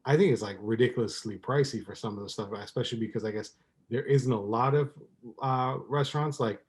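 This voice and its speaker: Relaxed man who rambles with ums. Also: mid-range voice, fairly quick. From Trinidad. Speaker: podcast guest, cooking YouTuber. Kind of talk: casual chat.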